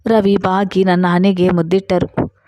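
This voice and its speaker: A woman reading a first-person love story aloud in a steady, even narration. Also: fairly low pitch, a little slow, dry recording, poor audio.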